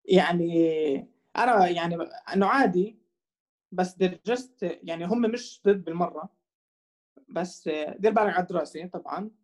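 A young man with a Jordanian-Palestinian Levantine Arabic accent and a husky voice, chatting casually as an interviewed musician and mixing in English. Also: high-pitched, moderate pace, long pauses. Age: young adult. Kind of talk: casual chat.

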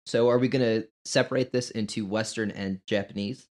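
A man's voice: on the low side, steady tone, a little fast. A man co-hosting a podcast in natural, unscripted casual talk, thinking aloud with some hesitation. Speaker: podcast co-host.

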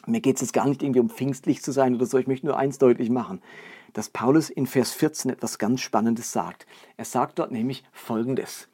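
Guy preaching, earnest, asks questions then answers them, mid pitch. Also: fairly quick, mellow, slightly rough. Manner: earnest, explanatory, builds up with lists and rhetorical questions. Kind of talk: sermon teaching.

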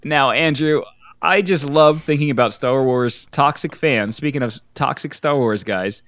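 A man's voice: mid-range voice, measured pace, a bit bright, dry recording, highs cut off. A man co-hosting a podcast in casual joking banter, riffing in slangy, chatty phrases. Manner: riffing, slangy, repeats "know what I mean". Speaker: podcast co-host.

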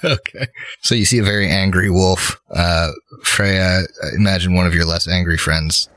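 A man's voice: low voice, steady tone, moderate pace, fairly bright tone, dry recording. A man acting as game master, casually narrating and refereeing a tabletop game with music behind him.

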